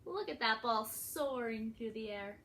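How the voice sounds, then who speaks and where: A woman reads aloud from a picture book for young children, expressive and dramatic, pausing to pose questions to her listeners. Her slightly high voice has lively intonation, a fairly bright tone, and a measured pace, with a little hiss or hum in the recording.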